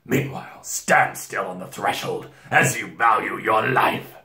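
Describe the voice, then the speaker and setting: Growling, slow, menacing huge wolf. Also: medium pitch, bright, forceful tone, roomy sound, recorded from a distance. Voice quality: growling, rasping, breathy. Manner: slow, commanding.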